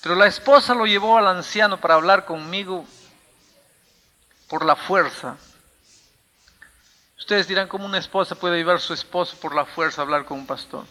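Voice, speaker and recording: A man's voice: sits high, normal speed, pauses often, bright, forceful tone, long reverb tail. A male pastor preaching a sermon, emphatic and telling a story from the pulpit.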